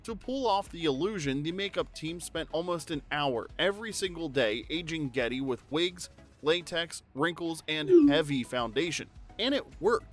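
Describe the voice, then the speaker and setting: A man narrates a pop-culture trivia video in an upbeat, jokey, conversational read. His voice sits a bit high for a man, with faint music under it. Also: very animated, moderate pace. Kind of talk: scripted narration.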